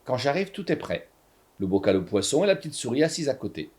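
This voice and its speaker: A man narrating a story in an animated, theatrical reading. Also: mid-range voice, fast.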